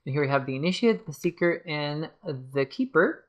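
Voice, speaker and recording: A woman reviews a tarot deck in a casual video, her low-pitched voice carrying lively intonation at a moderate pace. As her voice gives out, she speaks hesitantly, with lots of fillers and restarts.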